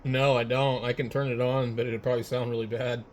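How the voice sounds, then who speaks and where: Here the ham operator's medium-pitched voice moves briskly, though his manner stays casual and slightly unsure. The setup is noisy with constant background sound, and he alternates among handheld radio mics.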